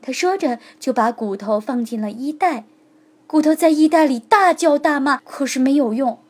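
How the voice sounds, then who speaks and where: A woman storyteller reading a children's story aloud, speaking gently and warmly to young listeners. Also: high voice, moderate pace. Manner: lively, gentle, addressing children.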